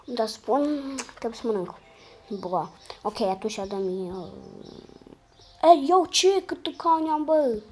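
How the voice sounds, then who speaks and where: A woman with a hoarse voice giving casual, slangy gameplay commentary, muttering to herself between sudden loud outbursts. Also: a little high, lively intonation, slight background noise. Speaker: gamer.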